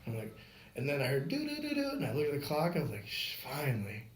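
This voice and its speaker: A man's voice: medium pitch, wildly swooping pitch, quick pace. Joking, profane man in an echoey room. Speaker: podcast guest, MMA referee and comedian. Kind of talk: casual podcast chat.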